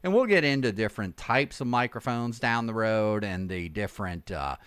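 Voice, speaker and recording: Lively low-voiced man teaching mic technique. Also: normal speed, smooth, dry recording. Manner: chatty, demonstrative, shifts between plain talk and deep announcer voice. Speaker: voiceover artist and video producer. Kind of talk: casual live tutorial on mic technique. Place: home studio. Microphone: large broadcast condenser mic, moved closer and farther.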